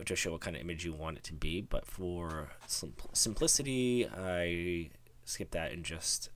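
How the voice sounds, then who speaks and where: A man hosting a software tutorial, talking casually through his screen recording with lots of ums and restarts. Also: low voice. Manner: relaxed, rambling, many ums and restarts. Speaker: tutorial host.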